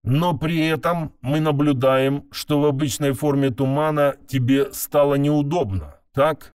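A man reading an audiobook voices a woman curator whose disguised voice comes through a speaker, harsh and metallic, calm and clinical. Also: on the high side, unhurried, clear, resonant tone, dry recording, clean studio sound. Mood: probing. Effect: harsh metallic loudspeaker voice. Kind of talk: audiobook narration with voiced characters.

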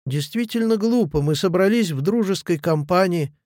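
A man reading the lines of a blunt young officer who speaks gruffly and rudely. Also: high voice, expressive, normal speed, darkish tone, dry recording, studio quality.

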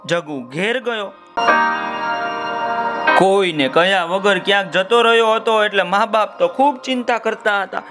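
A man's voice: sits high, a little slow, loud music behind the voice. A man with a Gujarati accent narrating a children's story and addressing the young listeners directly.

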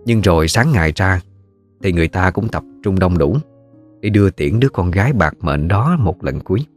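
Deep-voiced Southern Vietnamese storyteller. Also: male voice, normal speed, soft background music. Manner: steady, folksy storytelling. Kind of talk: narrating a ghost story.

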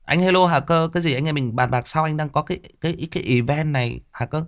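A man's voice: a little high, quick pace. A man with a Northern Vietnamese accent, an audiobook narrator speaking off the cuff and defensively to a critical listener, with many fillers and restarts. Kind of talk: unscripted direct address to a commenter.

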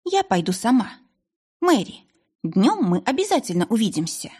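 A woman reads as a young gentlewoman, tearful and pleading, her voice lifted high and swinging widely between notes. The tone has a faint huskiness. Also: sing-song, moderate pace, breathy edge, heavily acted. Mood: resolute. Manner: emotional, pleading.

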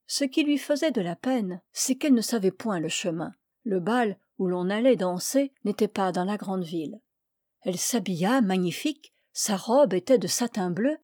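Reading an old fairy tale aloud, a woman speaks clearly and at a measured pace in a mellow, warm voice of middle pitch. The storybook reading is recorded close and dry, with no room sound.

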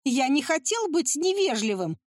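A woman's voice: sits high, big pitch swings, moderate pace, no echo, clean studio sound, pitched above the performer's own voice. A woman voicing a nervous, polite man who stammers in distress, in an audiobook. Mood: flustered. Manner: stammering, flustered.

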